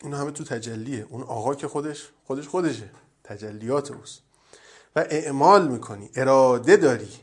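A man giving a religious lecture, telling stories and often dropping to a soft, low voice. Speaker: cleric.

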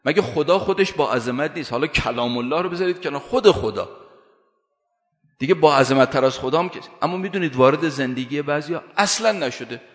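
A male preacher delivering a sermon to a gathered congregation, at an ordinary middle pitch. He drives each point home with repetition and rhetorical questions. His voice carries a long hall reverb around it. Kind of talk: religious sermon.

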